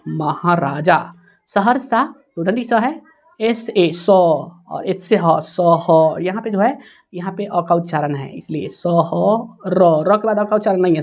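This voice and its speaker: A woman teaching a spelling lesson, slowly sounding out words letter by letter. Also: mid-range voice, darkish tone.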